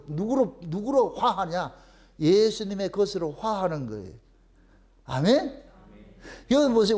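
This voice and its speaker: Animated Korean pastor with Gyeongsang accent. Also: male voice, sits high. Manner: animated, playful, acts out phone calls in voices. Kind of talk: sermon.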